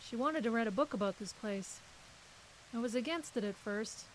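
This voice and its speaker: A woman with a fairly high voice plays a guarded, brusque literary agent in an audio drama, speaking at a moderate pace. Her acting is light and naturalistic, her manner dry and curt, the mood dry and reflective, and the audio poor and clearly hissy.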